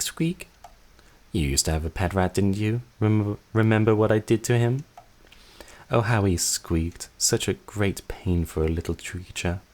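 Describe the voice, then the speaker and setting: A man's voice: sits low, a little mellow, pitched above the performer's own voice. A man voicing a cruel, vain young woman who taunts in a sing-song way.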